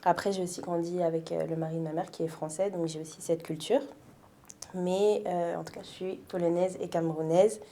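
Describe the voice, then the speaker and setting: This twenty-something French interview guest talks through her own story in a casual conversation, pausing thoughtfully with plenty of fillers and gentle laughter. Her voice is lowish with fairly even intonation, and her pace is a little fast.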